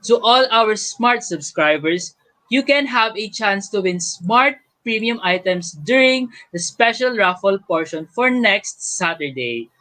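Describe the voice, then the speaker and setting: A man's voice: high voice, expressive, measured pace, bright, forceful tone, rough recording. A young man with a Filipino accent co-hosts a scripted online event, announcing giveaways in an upbeat way. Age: young adult. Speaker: event co-host, student raffle announcer.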